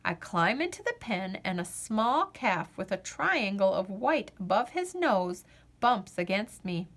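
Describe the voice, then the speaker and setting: Reading a kids' picture book aloud, a woman speaks at a medium pitch. Her storytelling delivery is expressive and measured, with long, drawn-out refrains.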